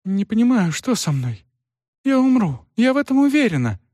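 A meek, fragile young widow from an audiobook, put on by a male reader in a raised, wavering voice. She speaks haltingly and helplessly, her pitch swinging widely. The recording is dry and close. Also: lively intonation, a little mellow, dry recording, lightly acted. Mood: timid. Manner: faltering, tremulous and helpless.

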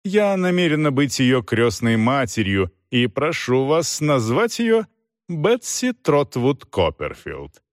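A man's voice: medium pitch, huge pitch swings, slow, dry recording, studio quality. A man voicing a stern, imperious older aunt in an audiobook reading, with a curt, commanding and dismissive manner. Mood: brusque.

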